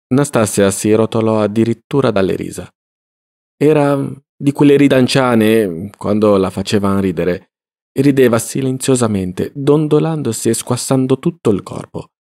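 Male audiobook narrator, low-pitched, measured literary reading. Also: a little mellow. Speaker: audiobook reader. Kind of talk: scripted narration.

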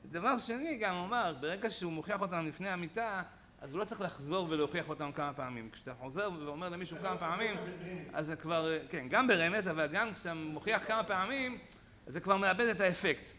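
Rabbi, man, teaching a Torah lesson; high-ish, very bright voice, animated storytelling. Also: a little hiss or hum. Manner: animated storytelling with acted-out quotes. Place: study hall.

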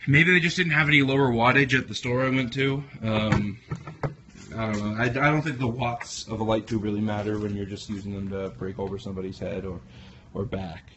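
Speaking fairly quickly in a lowish, steady voice, this young Canadian man rambles wryly to his phone camera, full of fillers and false starts. The casual vlog runs from a garage to a barn wrestling show, and the audio is dull with a noisy background.

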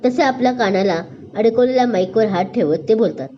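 A woman's voice: fairly high pitch, fairly quick, muffled recording, slight background noise. A woman narrating a scripted story aloud, voicing each character herself with small changes in her voice. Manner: reads all characters with small voice shifts.

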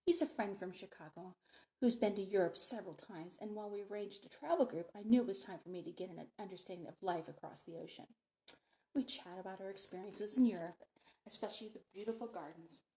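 A woman's voice: mid-range voice, a little fast, mellow. Woman librarian reading a novel aloud. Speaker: librarian reading a book chapter.

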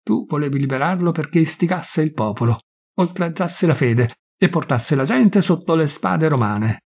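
A man reading aloud and voicing a proud high priest who answers calmly and defiantly. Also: normal speed, husky.

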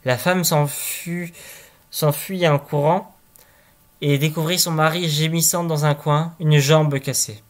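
A man reading a fairy tale aloud in a calm, measured storytelling voice. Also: a little high.

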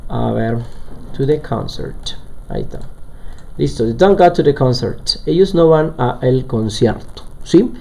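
A man's voice: mid-range voice, animated, measured pace, creaky, dark tone, slight background noise. A man teaching a live online language lesson, explaining step by step and often checking in with his students. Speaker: English teacher.

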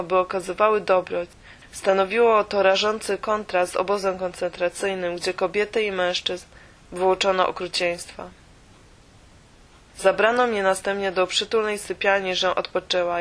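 A woman reading a first-person audiobook in a steady, measured way. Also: medium pitch. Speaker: audiobook reader.

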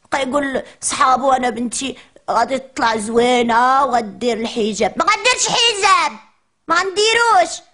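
A woman's voice: high-pitched, a bit bright. A woman with a Moroccan accent playing a chatty, cheeky little preschool girl in a comic monologue, complaining in a whiny childish chatter.

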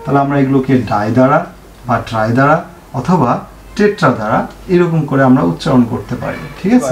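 A male chemistry teacher giving an online lesson, asking questions and answering them himself and repeating the key points. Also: mid-range voice. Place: home room, fan switched off. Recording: echoey room, faint noise.

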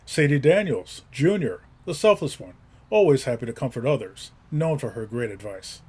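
A male narrator reading out character introductions in short, crisp phrases. His voice is husky and a little breathy, at an ordinary mid pitch. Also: very animated, moderate pace, darkish tone. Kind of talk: scripted narration.

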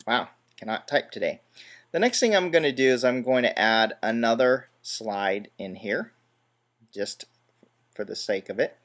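Man, relaxed tutorial host, walks through steps plainly with dry little asides. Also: medium pitch, measured pace. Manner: step-by-step, relaxed, self-deprecating asides. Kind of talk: screen-recorded software tutorial.

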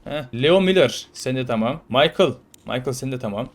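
A man playing a prison game and chatting casually over it, playful and slangy, now and then shouting loudly at the characters. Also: medium pitch, animated, moderate pace. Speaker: gaming YouTuber. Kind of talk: casual let's-play commentary.

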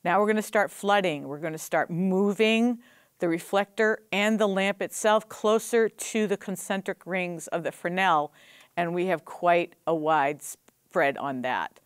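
A woman's voice: lowish voice, unhurried, clean tone, no echo. A middle-aged woman teaching film lighting, explaining practically as she operates the gear on a studio stage. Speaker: film instructor. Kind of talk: hands-on equipment demonstration.

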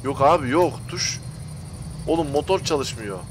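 A man's voice: fairly high pitch, lively intonation, a little slow, noisy background. A young man commentating on a game he is playing, talking to viewers in a slangy, exasperated way. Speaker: gaming YouTuber. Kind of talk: gameplay commentary.

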